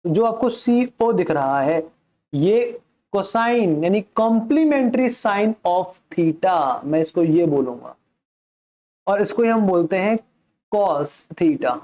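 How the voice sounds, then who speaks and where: Male math tutor, unhurried lecture delivery with a warm tone that drops English terms into his Hindi. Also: sits high, lively intonation. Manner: keeps asking the class questions and answers them himself. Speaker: math teacher.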